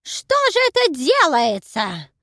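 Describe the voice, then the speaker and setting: A woman reading an audiobook, voicing a crafty old granny with a cracked, shrill old voice. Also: wildly swooping pitch, slow, a bit bright, no room sound, studio quality, full character voice. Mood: indignant.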